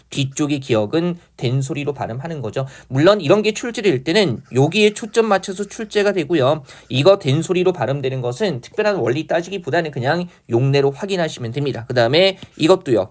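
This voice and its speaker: A man giving an online exam-prep lecture on Korean grammar. He explains step by step and asks his students questions he then answers himself. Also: medium pitch.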